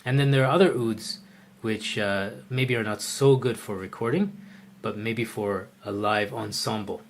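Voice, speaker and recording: During a live online oud lesson, a man answers viewer questions in a relaxed, chatty way, thinking aloud with lots of fillers and restarts. His fairly low voice is creaky and a little slow, with slight hiss or hum behind it.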